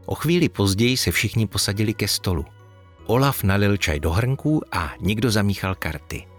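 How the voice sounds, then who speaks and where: Deep-voiced man reading a story. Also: expressive, faint music behind. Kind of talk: storybook narration.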